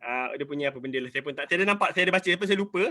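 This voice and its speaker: A man's voice: on the high side, rapid-fire, bright, forceful tone. A man in his forties with a Malaysian Malay accent, an entrepreneur speaking on a video call, emphatic and rambling, often repeating himself. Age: 40s. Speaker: entrepreneur asking questions. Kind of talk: earnest appeal in an online business talk.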